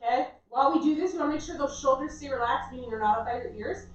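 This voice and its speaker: Female workout coach, high voice, encouraging and reassuring, very roomy distant sound. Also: rapid-fire. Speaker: fitness instructor. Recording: echoey room, distant dull mic, faint noise.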